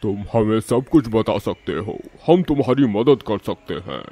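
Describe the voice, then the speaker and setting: A man voicing a kind ghost in a cartoon story, calm and reassuring. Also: fairly low pitch, measured pace, full character voice.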